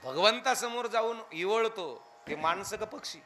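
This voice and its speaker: A man preaching a devotional kirtan sermon, animated and firing questions at his listeners, now and then chanting lines of verse. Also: high voice, measured pace, faint music behind. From Maharashtra, India.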